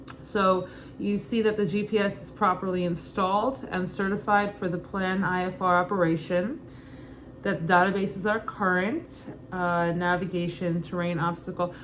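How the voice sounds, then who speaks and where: A young woman with a Brooklyn accent reads study material aloud in an informal, halting way, adding casual asides. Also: lowish voice, a bit bright. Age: young adult. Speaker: student pilot reading an exam guide. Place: kitchen at home, indoors. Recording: clearly noisy home room ambience.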